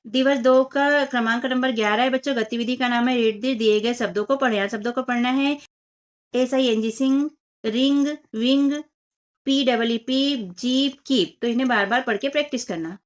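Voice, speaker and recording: Female teacher, patient step-by-step children's lesson, slightly high voice, muffled recording. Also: fairly even intonation, normal speed. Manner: patient, explains step by step, addresses children as 'बच्चों' and 'बेटा'. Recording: dull lo-fi voice recording.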